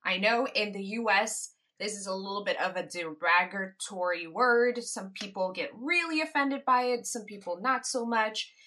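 A Caribbean woman hosts a podcast, delivering a casual, reflective monologue with light laughter between points. Her mid-range voice is bright and forceful, at normal speed with few pauses.

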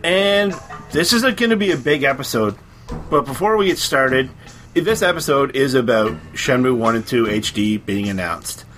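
Casual podcast co-host, man, chatty, easy laugh, mid-pitched voice. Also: lively intonation, moderate pace, fairly bright tone, faint music behind. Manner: chatty, laughs easily, many fillers. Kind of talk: casual chat.

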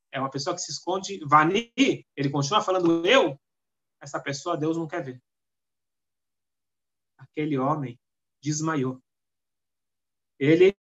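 A man's voice: on the high side, fairly bright tone. Emphatic Brazilian man teaching Torah. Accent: Brazilian Portuguese. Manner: emphatic storyteller, frequent restarts and pauses. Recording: dull lo-fi recording.

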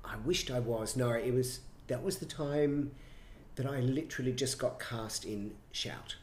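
A middle-aged man, a choreographer and director, telling stories with animated enthusiasm in an interview. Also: mid-range voice, a little slow, a little hiss or hum. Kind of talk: conversational interview. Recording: roomy echo, faint ambience.

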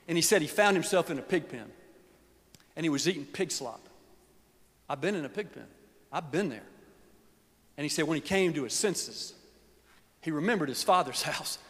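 A man's voice: fairly high pitch, a bit bright. A man preaching a sermon in a folksy, earnest way that often sinks to a near whisper. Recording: long hall reverb.

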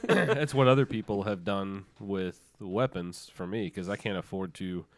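Man, podcast host, stuffy nose, joking, fairly low voice. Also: a little slow, crowd noise. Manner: joking, laughs often. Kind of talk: casual chat.

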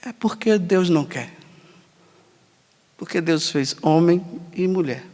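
Emphatic high-voiced priest. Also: male voice, takes it slowly, darkish tone. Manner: emphatic, acts out imagined dialogues. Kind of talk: sermon. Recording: long hall reverb.

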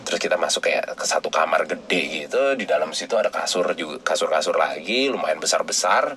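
A young man tells a personal story in loose, slangy chat. His voice sits low but has a bright edge. He jumps into the voices of the people in the story as he goes. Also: fairly quick, husky. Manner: animated, slangy, acts out quoted people.

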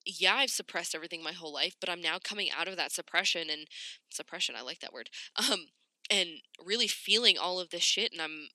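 A woman with a low-leaning, very bright and forward voice speaks briskly in a casual solo podcast, candid and informal, full of slang and swearing. There's a slight rasp, and she sounds congested as she gets over a cold. The recording is dry, with almost no room sound.

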